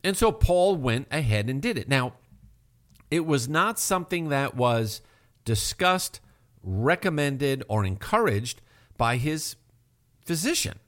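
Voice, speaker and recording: A man's voice: medium pitch, big pitch swings, takes it slowly, fairly bright tone. A male health show host explaining heart tests in an emphatic manner, asking rhetorical questions. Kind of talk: radio health talk.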